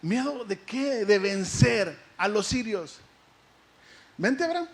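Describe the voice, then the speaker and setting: A male pastor preaching a lively sermon, asking the congregation questions and acting out the story. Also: high-pitched, slow.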